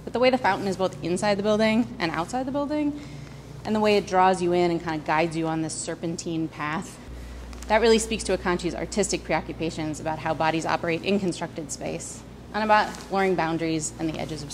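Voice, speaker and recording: Brief: New woman, lowish voice, walking tour guide, traffic noise behind. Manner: friendly explanatory walking talk. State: slightly out of breath. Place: outdoors on a city street and inside a visitor center. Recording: noisy street ambience with traffic.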